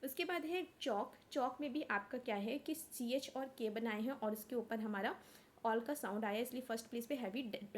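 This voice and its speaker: A woman teaching a shorthand lesson online, explaining each word's outline step by step, mixing in English terms and checking in with a repeated "clear?". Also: on the high side, a little hiss or hum. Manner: mixes English words into her Hindi.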